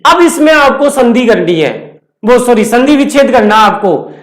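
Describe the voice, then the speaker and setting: A man's voice: very high-pitched, very animated, normal speed. A man teaching Hindi grammar in a classroom-style lecture. He explains step by step, repeats his points and puts questions to the class before answering them. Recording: echoey room.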